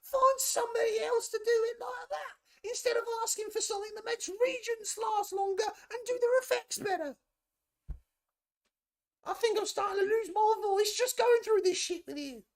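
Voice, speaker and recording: A woman voicing a surly, foul-mouthed male goblin potion seller who shrieks his irritation. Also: normal speed. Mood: exasperated. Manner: irritable, swearing, shrill and shouting.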